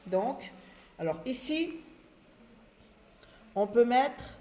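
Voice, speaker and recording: Slow, echoey woman sounding out syllables. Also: on the high side, big pitch swings, dark tone. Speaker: teacher. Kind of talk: reading lesson for beginners. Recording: echoey room.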